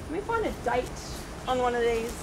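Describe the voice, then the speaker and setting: A woman's voice: fairly high pitch, sing-song, brisk. A young woman hosting a paranormal vlog, chatting casually as she walks through a cemetery at night and reads names off the headstones. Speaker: paranormal vlogger host. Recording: noisy outdoor night recording.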